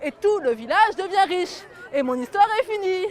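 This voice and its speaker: A woman's voice: very high voice, moderate pace, a crowd in the background, noisy background. A woman storyteller telling a folk tale to children and getting them to join in. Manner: lively, gets the audience to join in.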